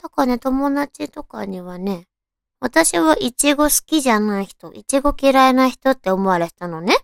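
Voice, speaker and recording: A woman with a cute, girlish anime-like voice, chatting casually on her own as a radio talk host, with softly drawn-out phrasing. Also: high voice, expressive, gravelly, clear, resonant tone, no room sound, clean studio sound. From Tochigi, Japan. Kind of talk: casual solo chat.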